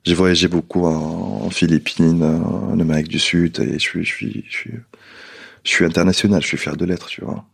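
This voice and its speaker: Low gravelly guy chatting on a podcast, keeps stumbling and restarting. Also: fairly even intonation, normal speed. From Tunisia. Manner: hesitant, many restarts and repeated words. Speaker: podcast guest. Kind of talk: casual conversation.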